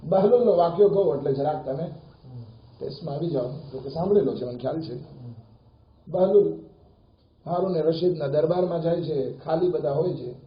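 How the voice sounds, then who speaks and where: Preacher, man, fairly high voice, animated storytelling, roomy lo-fi hall recording. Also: normal speed, pauses often. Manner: animated storytelling with rising emphasis. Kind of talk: sermon. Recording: echoey hall, dull lo-fi sound, faint noise.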